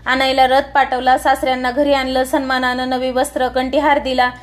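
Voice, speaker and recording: A dutiful palace servant bringing news in a hurry, as a woman telling the tale puts her on. Her voice is high and plain. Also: level tone, a little fast, natural voice. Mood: urgent.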